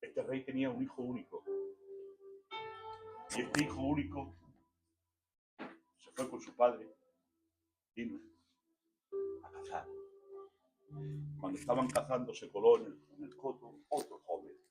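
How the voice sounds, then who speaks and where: A man with a Spanish accent preaching a sermon in a church, fervent, swinging from hushed storytelling to loud shouting. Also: mid-range voice, measured pace, long pauses, echoey room, recorded from a distance, soft background music, rough recording.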